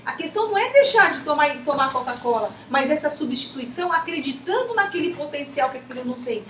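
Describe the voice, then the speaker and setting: A woman's voice: high voice, animated, quick pace, a bit bright. A woman with a Brazilian Portuguese accent teaching a class of teachers, talkative and full of rhetorical questions. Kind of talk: lecturing a class. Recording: echoey room, distant mic, faint noise.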